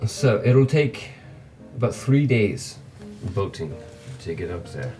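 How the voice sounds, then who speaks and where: Male game master, relaxed and chatty, lowish voice; light background music. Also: slow, far from the mic. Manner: casual, laughs often, voices NPCs. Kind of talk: narrating a tabletop game.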